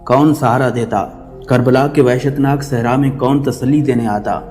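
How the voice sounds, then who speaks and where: A man's voice: medium pitch, fairly even intonation, warm tone, big-room sound, soft background music. A man telling a mournful religious story in solemn, scripted narration.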